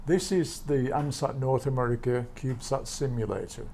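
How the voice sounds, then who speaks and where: A man's voice: mid-range voice, fairly even intonation, normal speed, creaky, darkish tone, a little hiss or hum. A man being interviewed as a guest, informally explaining something technical. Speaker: interview guest, satellite society member. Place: livestream studio.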